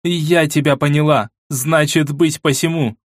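Man doing a stern iron queen, cold and commanding, raised high voice, dry sound. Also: moderate pace, no echo, close to an everyday voice. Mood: icy resolve. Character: cold iron-willed middle-aged queen.

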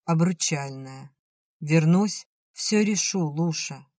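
Male reader as gentle young recruit, warm reassurance, plain voice. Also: on the high side, slow, no room sound, studio quality. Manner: soft, reassuring. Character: young village man leaving for war, gentle.

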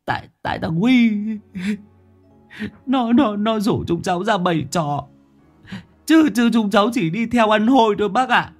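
Man putting on a scared village boy, high pitched, stammering, pleading, ghost story telling. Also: expressive, a little slow, faint music behind.

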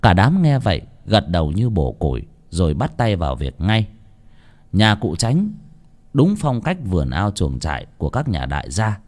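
A man narrating a ghost story in a dramatic, expressive way. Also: deep voice, moderate pace.

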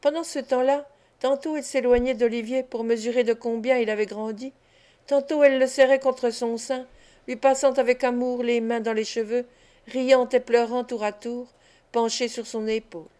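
In a fairly high voice, a female audiobook reader narrates a classic novel with measured, expressive pacing.

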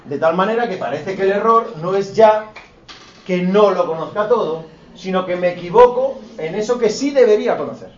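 A man with a high voice and a Spain Spanish accent lectures a philosophy class, piling up rhetorical questions and slipping into blunt, teasing asides to the students. He sounds set back from the microphone in a roomy classroom, and the sound is muffled and dull. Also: lively intonation, normal speed, darkish tone. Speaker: philosophy teacher. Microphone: distant room mic. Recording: echoey, dull classroom audio from far off.

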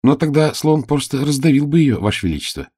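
A man's voice: on the high side, animated, fast, dark tone, slightly rough, dry recording, pitched above the performer's own voice. A man voicing an earnest, brave young girl disguised as a page in an audiobook drama, speaking in a raised, pleading voice.

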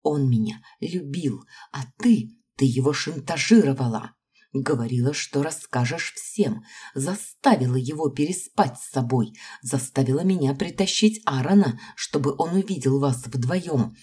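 A woman reading the part of a jealous, furious young woman who hisses through her teeth and breaks into shouts. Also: very deep voice, a little slow, slightly rough, full character voice. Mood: accusing.

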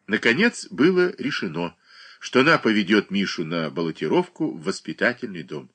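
A man narrating a classic novel as an audiobook in an expressive, dramatic reading. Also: on the low side, husky.

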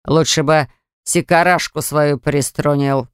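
A reader voicing an indignant elderly father who speaks in slow, low, grumbling outbursts, in an audiobook. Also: steady tone, clear, resonant tone, dry recording, clean studio sound, lightly acted. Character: indignant elderly father, hot-tempered and dramatic. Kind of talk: audiobook character voice.

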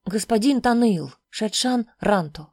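A woman's voice: on the low side, lively intonation, moderate pace, mellow, no echo. A woman reading the part of a stiff, dutiful male guard who speaks formally and respectfully in a fantasy audiobook.

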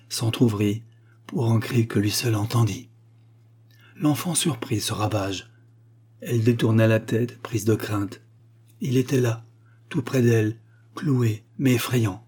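A man narrating a literary story in a measured, grave storytelling manner. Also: fairly low pitch, darkish tone, husky.

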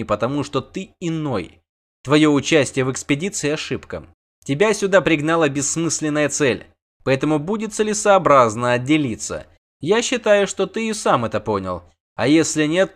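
A man's voice: a little high, expressive, normal speed, fairly bright tone, pitched above the performer's own voice. A man reading an audiobook, voicing a cold, imperious sorceress who talks sharply and commandingly. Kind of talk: audiobook character voice.

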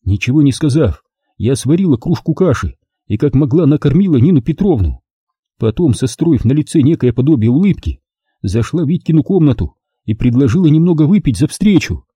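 Husky, dark-voiced male audiobook reader. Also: on the high side, sing-song, fairly quick, dry recording, studio quality. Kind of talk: first-person audiobook narration.

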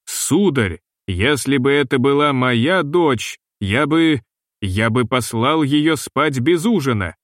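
A gloomy, fussy ship's purser, as a male reader puts him on talks in a slow, mournful drawl. His voice sits in the middle range and sounds close and dry. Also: medium pitch, animated, a bit bright, no room sound. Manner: slow, mournful and long-winded.

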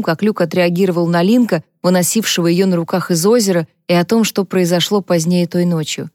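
A woman reads a novel aloud in calm, measured narration. Her voice is lower than most women's, and the recording is dry and close with no room around it. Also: no echo. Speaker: audiobook narrator. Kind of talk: scripted narration.

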